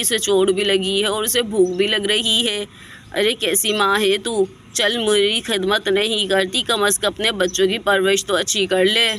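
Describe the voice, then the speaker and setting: A woman's voice: mid-range voice, bright, forceful tone, slight background noise. A woman voicing a suspicious, scolding older mother-in-law in a doll story. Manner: scolding, bossy. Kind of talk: storybook voice acting for a doll video.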